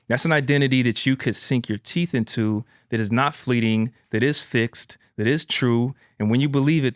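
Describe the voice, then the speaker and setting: A man's voice: medium pitch, no echo, studio quality. A man hosting a podcast, telling a heartfelt personal story in an earnest, emphatic way and calling the listener "man" and "bro". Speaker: podcast host.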